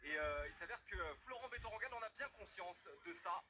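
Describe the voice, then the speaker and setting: A man's voice: sits high, animated, fairly quick, pushed and bright, a little hiss or hum. A man giving sports broadcast commentary as lead commentator, presenting the fighters before a bout. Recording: music playing under the voice.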